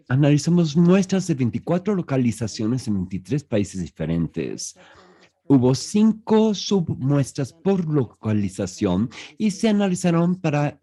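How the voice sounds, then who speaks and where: A man interpreting live at an online press conference. He speaks haltingly, with frequent restarts and fillers. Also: medium pitch, mellow, slightly rough. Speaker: simultaneous interpreter.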